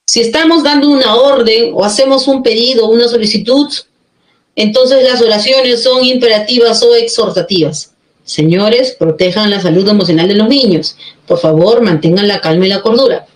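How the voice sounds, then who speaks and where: A woman teaching a grammar lesson who explains step by step and keeps checking in with quick questions. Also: fairly high pitch. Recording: echoey room.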